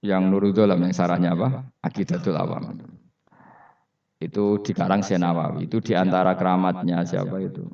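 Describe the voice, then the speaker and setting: Low-voiced Javanese preacher, distant and roomy. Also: male voice, fairly even intonation, a little fast, creaky, darkish tone. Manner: storytelling with questions to the audience and laughter. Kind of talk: Quran study sermon. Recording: roomy, distant, dull hall recording.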